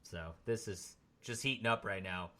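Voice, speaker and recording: A man with a bright, clear-edged voice co-hosts a casual wrestling podcast. He recaps scenes loosely, piling on fillers as he goes. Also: fairly low pitch, moderate pace. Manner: relaxed, rambling recap with frequent fillers. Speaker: podcast co-host.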